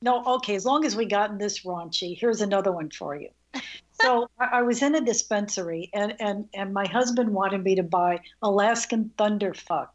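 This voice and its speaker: An older woman talking as an interview guest, a lively storyteller who often breaks into laughter. Her voice sits at an ordinary middle pitch for a woman. She speaks with easy conversational energy. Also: normal speed, muffled recording. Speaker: guest, investor.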